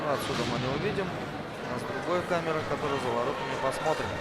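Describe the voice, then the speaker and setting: A man's voice: medium pitch, quick pace. A man giving conversational live analysis as a hockey co-commentator. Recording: loud ambient noise behind the voice.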